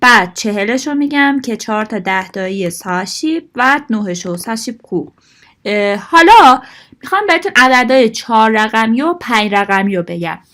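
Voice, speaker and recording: A woman with a somewhat high voice leads a language lesson. She explains grammar and numbers step by step, patiently, and drops Korean phrases in along the way. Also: lively intonation, fairly bright tone. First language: Persian.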